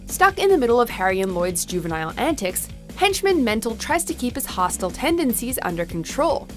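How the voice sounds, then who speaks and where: Lively female countdown narrator. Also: fairly high pitch, fairly quick, soft background music. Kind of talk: scripted narration.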